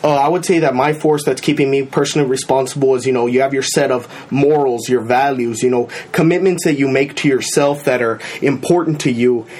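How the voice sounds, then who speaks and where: A man's voice: medium pitch, fairly even intonation, a little fast, few pauses, darkish tone. A young man, a student guest, explaining his views earnestly in a casual panel discussion.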